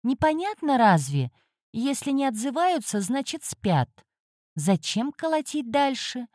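A grumpy male talking cat familiar, put on by a woman reading, whining high and soft from under the covers. His voice sits lighter than the reader's own, with a mellow, dark tone and a dry, close sound. He grumbles and complains at every turn. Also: sing-song, a little slow, dry recording, full character voice. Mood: grumbling.

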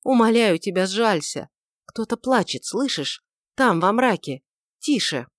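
A woman's voice: medium pitch, sing-song, measured pace, dry recording. A woman voicing a troubled, passionate male outlaw who speaks in a brooding, pleading way, on a dry recording. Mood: grieving pleading.

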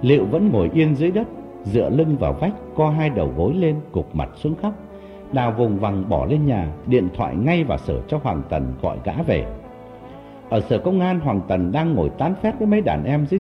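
A man narrating a story in an expressive, dramatic storytelling manner. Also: mid-range voice, fairly quick. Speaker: audiobook narrator. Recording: dull lo-fi audio with background music.

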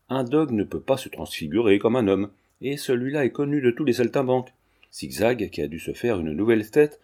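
A man reading as a calm reasoning gentleman. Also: medium pitch, lightly acted. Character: gallant, calm young gentleman. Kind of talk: audiobook character reading.

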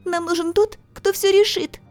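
A woman voicing a frightened young woman who pleads in a high voice. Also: fairly even intonation, normal speed, a little mellow, faint music behind. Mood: flustered. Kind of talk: audiobook character voice.

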